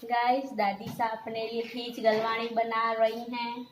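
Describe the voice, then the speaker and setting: Hurried young woman vlogging from a busy kitchen. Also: a little high, flat delivery, background noise. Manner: bustling and hurried, talks to viewers while cooking. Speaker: mother and family vlogger. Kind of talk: casual vlog narration. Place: home kitchen. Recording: echoey room with clattering dishes.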